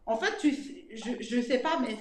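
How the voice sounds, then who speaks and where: A woman in her thirties tells her own story in a loose, chatty testimonial and trips over repeated words as she goes. Her voice sits on the high side. The recording is roomy and echoey, with a clear layer of noise underneath. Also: animated, moderate pace. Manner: chatty, repeats words, retells scenes with laughs. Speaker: interviewee giving a testimonial. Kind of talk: casual testimonial chat.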